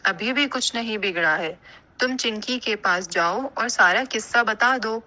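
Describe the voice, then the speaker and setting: A woman voicing a kind, motherly female pigeon in an animated cartoon, speaking gently and giving advice. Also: mid-range voice, lightly acted, poor audio. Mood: caring. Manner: gentle and advising.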